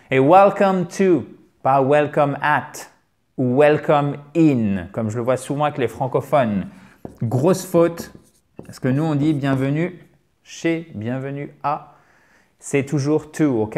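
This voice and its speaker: A man teaching English phone phrases in a video lesson, lively, drilling the same phrases over and over slowly. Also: mid-range voice.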